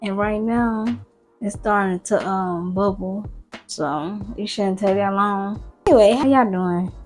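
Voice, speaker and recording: A woman's voice: mid-range voice, unhurried, faint music behind. A tired woman, chatting casually and rambling to her viewers while cooking in her home kitchen, recorded by a nearby camera. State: tired, yawning. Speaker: cooking vlogger. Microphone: camera close by.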